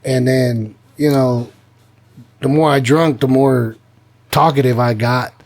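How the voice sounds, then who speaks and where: A man's voice: mid-range voice, steady tone, takes it slowly, a little mellow. A man hosting a podcast in casual conversation, candid and self-deprecating as he reflects on his early episodes. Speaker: podcast host.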